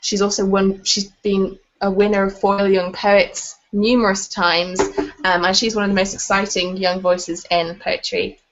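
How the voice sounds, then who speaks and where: A woman's voice: medium pitch, flat delivery, measured pace, lo-fi sound, slight background noise. A young adult woman, a university student, co-hosting a livestream in a chatty, upbeat way. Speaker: co-host and student. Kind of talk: casual chat.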